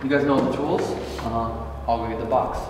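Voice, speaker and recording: A man's voice: mid-range voice, steady tone, fairly quick, very noisy. A man bantering casually and teasingly as a ghost-hunting vlogger. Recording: very echoey hall, distant, loud music behind.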